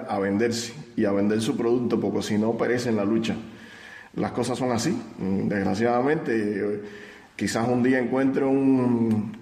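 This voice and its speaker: A middle-aged Cuban man, an artist and art teacher, answering radio interview questions in a relaxed, hesitant way with frequent restarts. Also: medium pitch. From Cuba. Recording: echoey room with long reverb.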